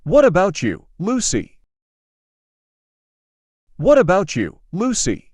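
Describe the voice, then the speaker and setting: A man reading a slow, high-voiced, polite learner. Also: huge pitch swings, darkish tone, husky, no room sound, clean studio sound, exaggerated voice. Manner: slow, carefully enunciated, each line said twice. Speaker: dialogue reader. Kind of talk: scripted practice dialogue for English learners.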